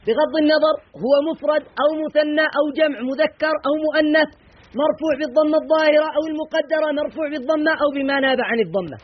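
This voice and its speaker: Male teacher with a very high voice who drills and quizzes his class fast. Dull lo-fi recording. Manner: drills examples in rhythmic lists, quizzing students. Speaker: grammar teacher. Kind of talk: classroom grammar lesson with questions to students.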